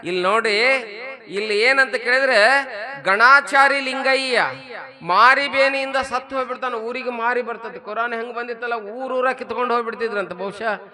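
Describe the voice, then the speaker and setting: A man, a monk with a North Karnataka accent, telling a religious story as a sermon, asking the audience lively rhetorical questions. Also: extremely high pitch, moderate pace. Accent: North Karnataka Kannada. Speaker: monk giving a religious discourse. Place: religious gathering with a live audience.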